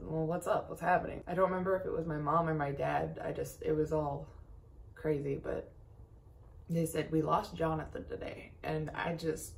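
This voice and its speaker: A woman's voice: low voice, gravelly. A young woman from Texas talking candidly through grief in a tearful, shaky voice, swearing often as she rambles. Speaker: vlogger. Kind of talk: personal confessional talk.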